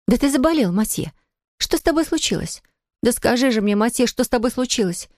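A woman's voice: animated, brisk, a little mellow, no echo, clean studio sound, close to an everyday voice. Woman doing a sobbing, pleading young woman. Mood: distraught. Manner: high pleading tearful outbursts. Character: distraught tearful young woman, lover. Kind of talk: audiobook character voice.

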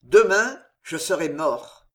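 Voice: medium pitch, lively intonation, slow. A reader voicing a bitter dying old nobleman. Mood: despairing. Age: older. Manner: loud, anguished declaiming. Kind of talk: audiobook character reading.

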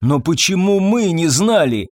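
A man voicing a panicky, cowardly man who is out of breath, whining and frantic in a high voice. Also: big pitch swings, a little slow, dry recording.

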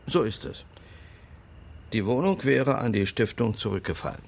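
An older male actor with a medium-pitched, gravelly voice and lively intonation plays a frail old lawyer in a radio play. The character is guarded and sardonic, speaking in a measured, formal and pointed manner.

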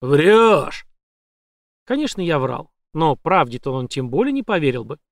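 A man's voice: a little high, big pitch swings, fairly quick, no room sound. Man reading a dry first-person thriller. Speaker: audiobook reader.

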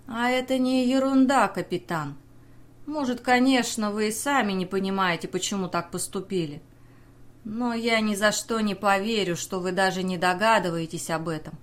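A desperate young sailor pleads and accuses in an intense, pressing voice, as a woman reads him in an audiobook. The delivery sits at a medium pitch, urgent and searching. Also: normal speed, close to an everyday voice. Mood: pleading. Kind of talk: audiobook character reading.

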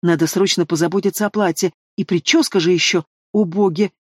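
A man voicing an excited young dragoness princess, breathless and gushing. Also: high-pitched, brisk, dry recording, studio quality. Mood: gleeful.

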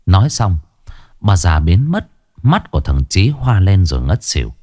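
A man narrating a ghost story in an expressive storytelling voice. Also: sits low, normal speed, no room sound, clean studio sound.

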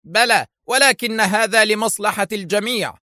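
Brief: high, bright, snarling crime boss and spy, as a male narrator puts him on, menacing and quick to shout. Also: dry recording, clean studio sound. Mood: angry. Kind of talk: audiobook character voice.

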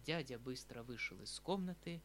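A man narrating an audiobook in a calm, subdued manner. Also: medium pitch, normal speed, slight background noise. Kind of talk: scripted narration. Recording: faint background music.

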